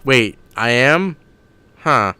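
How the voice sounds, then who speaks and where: A man's voice: medium pitch, expressive, drawn-out words, pushed and bright, clean tone, dry recording. A man streaming a video game, thinking aloud in a rambling way and often correcting himself mid-sentence. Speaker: gaming streamer. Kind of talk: casual live-stream commentary while gaming.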